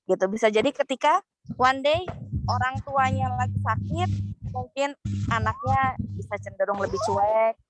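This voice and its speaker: High-voiced woman explaining earnestly. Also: moderate pace. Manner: earnest, explanatory, acts out example quotes. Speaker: guest parenting speaker. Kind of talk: explaining parenting advice. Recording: noticeable background noise.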